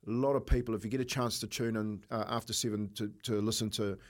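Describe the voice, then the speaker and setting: Male radio co-host, broad New Zealand accent, lowish pitch, earnest and halting conversational commentary. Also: steady tone.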